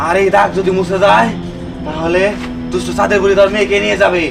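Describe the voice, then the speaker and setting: A grave old holy man acted by a man in a village fairy-tale drama. His high voice gives solemn warnings in a rural Bangladeshi accent, distant from the mic with music behind. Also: fairly even intonation, fast talker, vocal fry.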